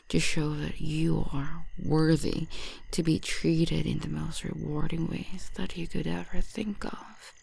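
A woman whispers close and slow, her breathy voice husky and edged with a little gravel. She keeps a teasing, coaxing manner throughout this intimate ASMR roleplay, drawing each phrase out. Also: fairly low pitch, darkish tone, no echo.

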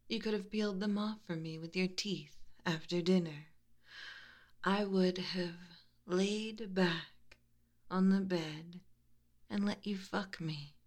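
In a whispered audio roleplay, a young woman plays a female spirit with a tail who keeps a library. She speaks softly, breaking into low laughs, her manner teasing, mocking, playful and commanding.

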